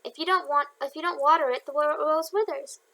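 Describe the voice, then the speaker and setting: Lady reading as a soft-spoken guy giving advice, audiobook, highish voice. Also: steady tone, brisk, dry recording. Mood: advising.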